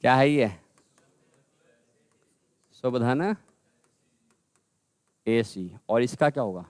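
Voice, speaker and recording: A man teaching a grammar lesson, repeating words slowly and calling his students "bhai". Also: mid-range voice, lively intonation, no echo, studio quality. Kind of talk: classroom lesson.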